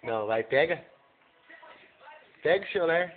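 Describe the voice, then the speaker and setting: A playful older sibling coaxes and teases a small child, voice rising and falling in lively swings while the words come slowly. The sound is thin and phone-like, recorded indoors at home with clear chatter in the background. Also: medium pitch. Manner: coaxing and teasing, playful questions. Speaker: older sibling filming a little sister. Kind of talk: casual home video, talking to a small child.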